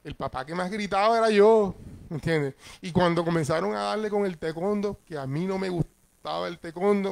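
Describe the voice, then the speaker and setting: A man's voice: sits high, creaky, a little mellow. A middle-aged man, a pastor teaching Sunday school in a conversational way and checking in with his listeners. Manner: acts out family voices in passing.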